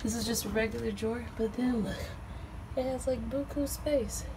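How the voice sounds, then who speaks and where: A woman's voice: on the high side, fairly even intonation, normal speed. A young woman casually chatting to viewers about renovating a small trailer, filming with a handheld phone. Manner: chatty, addresses viewers as y'all, drops to a whisper at times. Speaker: vlogger. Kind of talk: casual walkthrough vlog. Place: inside a small travel trailer under renovation. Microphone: phone camera held while walking. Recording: noisy phone recording with sanding noise.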